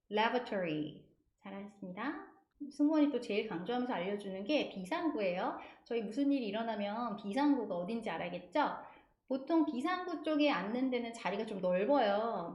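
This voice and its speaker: A woman in her thirties leads a friendly beginner English lesson with a fairly high voice. She is patient and spells each word out slowly before drilling it. Her voice rings a little in an echoey room. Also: darkish tone, highs cut off. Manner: patient, spells words letter by letter and drills repetition. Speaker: English teacher.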